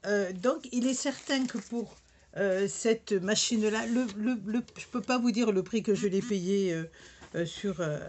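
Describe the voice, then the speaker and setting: Slow-talking woman demoing craft tools. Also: medium pitch, darkish tone. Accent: regional French accent. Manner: hesitant, many fillers and restarts. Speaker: crafting demonstrator. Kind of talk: casual product demonstration.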